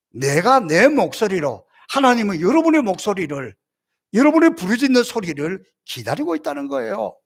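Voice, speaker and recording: A middle-aged male pastor preaching a passionate sermon, swinging from loud cries to soft, gentle murmurs. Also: sits high. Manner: acts out God's reassuring words gently.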